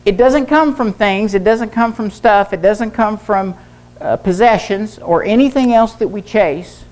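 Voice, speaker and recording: A man's voice: high-pitched, a little slow, darkish tone. A middle-aged man, a pastor and former doctor, preaching a sermon in a church service, telling stories earnestly and repeating key phrases for emphasis. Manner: earnest storytelling with emphatic repetition. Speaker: pastor and teacher, former physician.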